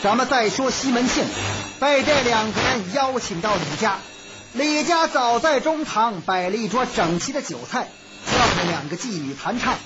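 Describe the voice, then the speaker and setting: A woman narrating a classic tale in brisk, animated traditional storytelling style. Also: on the high side. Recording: dull lo-fi recording with music.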